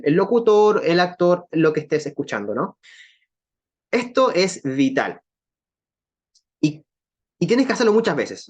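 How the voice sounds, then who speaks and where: Woman, language teacher, online lesson, step-by-step explanation, speaks straight to viewers, frequent "¿ok?" checks. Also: sits low. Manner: keeps checking in with "¿ok?" and "¿cierto?". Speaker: English teacher.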